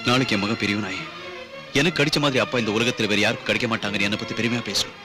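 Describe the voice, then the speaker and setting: An actor playing a grieving widowed father who speaks gravely and mournfully with a Tamil accent. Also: fairly low pitch, rapid-fire, over music, lightly acted. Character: grieving widowed father, devoted to his son. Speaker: film hero, widowed dance master. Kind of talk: film dialogue.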